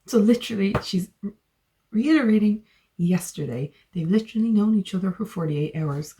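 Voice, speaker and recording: A woman joins as a guest in a casual chat about a novel, dropping wry remarks. Her voice is animated, rising and falling freely. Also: medium pitch, normal speed, pauses often, rough recording. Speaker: guest co-reader.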